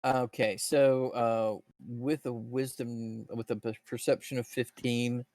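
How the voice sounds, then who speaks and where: A man runs a tabletop game for his players, stumbling through his scene descriptions with plenty of fillers and restarts. His voice sits at a middle pitch, and the sound is close and dry, with almost no room echo. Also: flat delivery, a little mellow. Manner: halting, full of fillers and restarts. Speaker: dungeon master.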